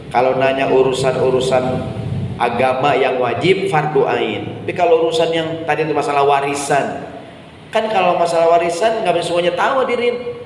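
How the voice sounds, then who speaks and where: A man's voice: fairly high pitch, steady tone, a little fast. A man preaching a casual evening sermon in a mosque, speaking conversationally and often turning to the congregation to ask whether they agree. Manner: conversational, often addresses the congregation and asks "right or not?". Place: mosque hall. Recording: very echoey mosque hall with long reverb and faint noise.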